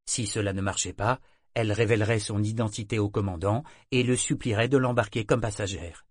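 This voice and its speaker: A man reading a novel as an audiobook narrator in a measured, even manner. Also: on the low side, no echo, clean studio sound. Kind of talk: scripted narration.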